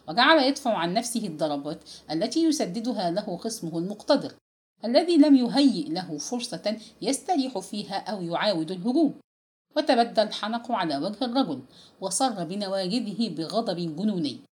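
A woman narrating a classical adventure novel aloud with a dramatic, expressive reading. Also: medium pitch. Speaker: audiobook narrator. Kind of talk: scripted storybook narration.

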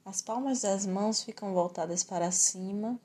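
A woman with a Brazilian accent teaching yoga and relaxation in a calm, soothing, measured way with gentle pauses. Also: medium pitch. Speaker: yoga instructor. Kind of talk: guided yoga and relaxation instruction.

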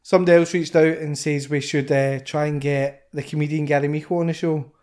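A man with a Scottish accent co-hosting a podcast, chatting in excitable, rambling banter. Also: a little high, a little fast. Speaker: podcast co-host. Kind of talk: casual chat.

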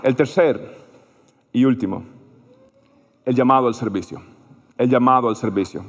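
A man's voice: mid-range voice, normal speed, long reverb tail, slight background noise. A man preaching a sermon as pastor, telling stories animatedly and acting out his own dialogue with God.

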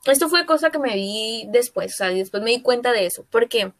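A woman's voice: on the high side, expressive, fairly quick, no room sound. A Mexican woman co-hosting a podcast, telling a personal story in a rambling, filler-heavy way. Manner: rambling, full of fillers and self-corrections. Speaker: podcast co-host. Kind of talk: casual podcast chat.

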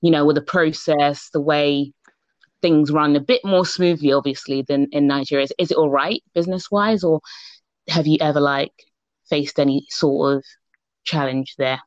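A woman's voice: sits low, steady tone, moderate pace, dry recording, highs cut off. Chatty woman hosting a podcast. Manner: chatty, upbeat, slangy. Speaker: podcast host. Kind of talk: casual podcast interview.

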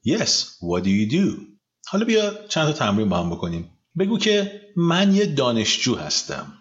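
A male English teacher from Iran leads a bilingual lesson, stretching words out to correct pronunciation. His pitch moves lively up and down. The recording sounds dull and lo-fi. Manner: patient, corrects pronunciation with drawn-out examples.

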